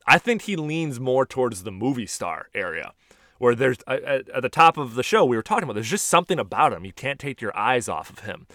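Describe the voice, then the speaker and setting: A man in his thirties hosting a podcast, an animated storyteller who swears casually. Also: medium pitch, fairly quick, no room sound, clean studio sound. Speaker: podcast host and stand-up comic. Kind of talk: casual chat.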